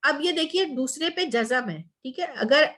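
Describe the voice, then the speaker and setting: A woman's voice: high voice, expressive, normal speed, a bit bright. A woman teaching a Quran Arabic class online, explaining step by step and checking in with her students often.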